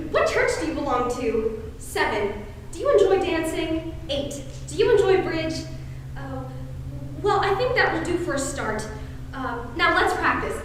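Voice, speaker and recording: In a filmed high school stage play, a young woman with an American accent plays a fussy, genteel Southern matron aunt in a very high-pitched voice, sugary, mannered and coaxing, with flustered exclamations as she cajoles. The indoor school stage sounds echoey, with a distant camera and faint noise.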